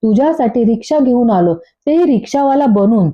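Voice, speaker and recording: A woman's voice: on the high side, animated, moderate pace, mellow. A woman voicing an irritable young husband who scolds and defends himself. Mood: scolding. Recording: dull lo-fi recording.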